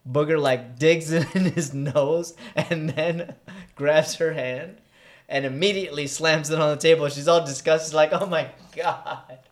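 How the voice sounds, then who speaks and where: A man co-hosting a relaxed movie conversation. He tells stories with animation, laughs through his lines and keeps the banter rolling. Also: a little high, unhurried. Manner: animated storyteller, laughs often. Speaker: podcast co-host. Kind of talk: casual movie chat.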